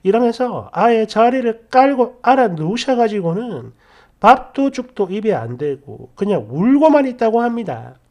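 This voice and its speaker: A woman's voice: on the high side, big pitch swings, moderate pace, dark tone. A woman telling her own story in a chatty, indignant, gossipy way. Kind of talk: first-person story narration.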